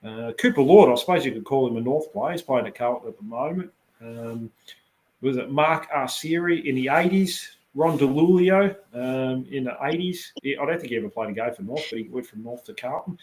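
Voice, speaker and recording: Australian male podcast host, mid-pitched, casual rambling footy talk full of ums. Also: lively intonation, fairly quick, darkish tone. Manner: rambling, fillers and restarts.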